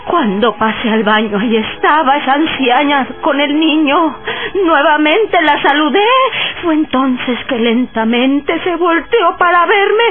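Actress doing scared tearful lady in radio horror, really high voice, slow, shaky. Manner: tearful, trembling, dramatic. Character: terrified, tearful woman recounting a ghostly encounter. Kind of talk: radio horror drama acting. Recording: tinny narrowband radio drama with music.

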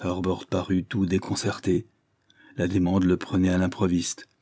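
A man narrating a Victorian novel as an audiobook in a measured, steady way, close to the microphone. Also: low-pitched, slightly rough, no echo.

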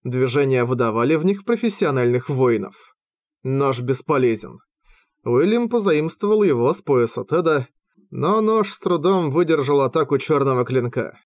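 A man narrating a fantasy audiobook in a steady, measured reading, recorded at home on a close microphone. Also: mid-range voice, no room sound.

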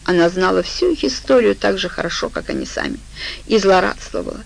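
A woman reading an audiobook detective story in a measured, even narration. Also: medium pitch, vocal fry, poor audio.

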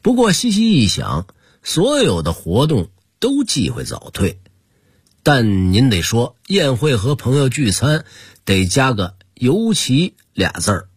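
Beijing-accented man for a radio host, husky, very animated pitch, storyteller delivery. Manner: lively storyteller, drawn-out emphasis. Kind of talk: storytelling radio talk on old customs.

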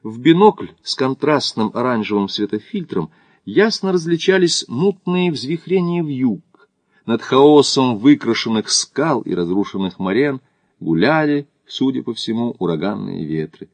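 A man reading an audiobook novel aloud in measured, expressive scripted narration. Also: medium pitch, no room sound.

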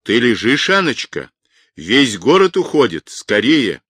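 Man putting on a desperate middle-aged man, urgent shouting, breathless, dry close sound. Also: mid-range voice, big pitch swings, measured pace, breathy edge, dry recording, full character voice.

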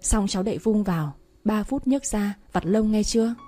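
A woman's voice: medium pitch, warm tone, faint music behind, close to an everyday voice. A woman voicing a fussy, scolding old village grandmother. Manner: bossy, scolding, quick to complain.

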